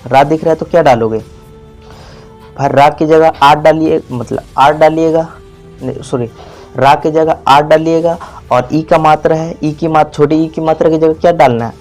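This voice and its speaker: A man's voice: a little high, steady tone, normal speed, a little mellow, faint music behind. A man giving a spelling lesson, repeating words and quizzing the viewer, stretching out vowels. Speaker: teacher. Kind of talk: classroom-style spelling lesson.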